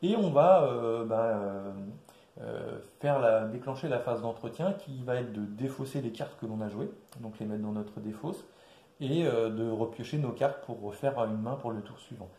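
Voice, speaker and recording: A man's voice: normal speed, mellow. Hesitant man explaining game rules. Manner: hesitant, many fillers and restarts. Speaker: board game presenter. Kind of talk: casual rules walkthrough. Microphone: quiet distant mic. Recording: echoey room, low level.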